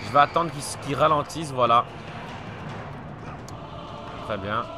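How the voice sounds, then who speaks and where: A young man, still a little ill, commenting on his gameplay with frequent swearing and frustrated shouts. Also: mid-range voice, unhurried. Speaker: let's play gamer. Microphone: desk mic. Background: game music.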